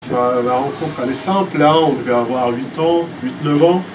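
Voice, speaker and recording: A man's voice: mid-range voice, moderate pace. A man in his thirties from France, answering interview questions casually with many fillers and restarts. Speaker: filmmaker interviewee. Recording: distant mic with air-conditioning hum.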